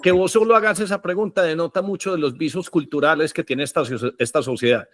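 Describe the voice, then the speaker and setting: A Colombian man with a notably high voice who argues with force and drops slang and swear words all through. His talk is loud and punchy, pitched well above most men. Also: fast talker. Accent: Colombian Spanish. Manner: emphatic, slangy, swears freely. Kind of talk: heated casual chat.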